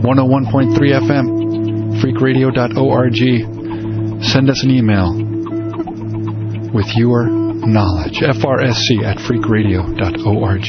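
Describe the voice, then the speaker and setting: A man reads a plainspoken appeal as a pirate radio station announcer. His voice comes through dull and lo-fi, like a pirate radio broadcast. Loud music plays behind him. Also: medium pitch. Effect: lo-fi pirate radio broadcast sound.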